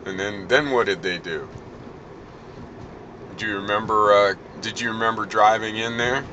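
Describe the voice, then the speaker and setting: A man's voice: fairly low pitch, fairly even intonation, normal speed, bright, forceful tone, lo-fi sound. A middle-aged man chatting casually in a car, coaxing with simple questions and repeated instructions. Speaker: caregiver driving a patient home. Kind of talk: casual chat. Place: inside a car. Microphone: handheld phone. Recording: phone video with clear vehicle noise.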